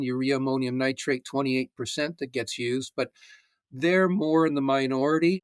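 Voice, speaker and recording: Measured Canadian man in his sixties. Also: medium pitch, clean tone, no room sound. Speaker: retired agronomist guest. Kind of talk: casual interview.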